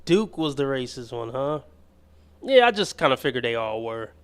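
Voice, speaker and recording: A man's voice: mid-range voice, sing-song, normal speed, smooth. A man hosting a livestream, rambling through casual, slangy chat with his audience and laughing as he goes. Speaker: livestream host. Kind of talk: casual chat reacting to chat and a clip.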